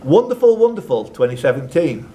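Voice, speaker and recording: Hosting a live quiz, this man reads the questions himself and teases the contestants with jokey asides. His voice sits fairly high, swings widely in pitch, runs a little fast, and has a warm tone.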